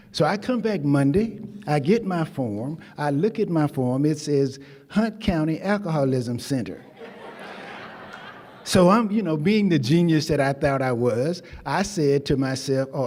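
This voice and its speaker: An older man from Texas gives a commencement speech, weaving folksy stories into an emphatic address. His voice is mellow and dark. A long reverb from the ceremony hall trails behind each phrase. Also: a little high, expressive, a little slow. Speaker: convocation speaker.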